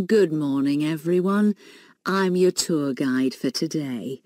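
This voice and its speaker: A woman playing a friendly, organised tour guide, speaking in a measured, scripted way for a listening exercise. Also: low voice, mellow, no echo, clean studio sound. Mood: friendly, informative. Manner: measured, clearly phrased announcing. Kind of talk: scripted listening-test monologue.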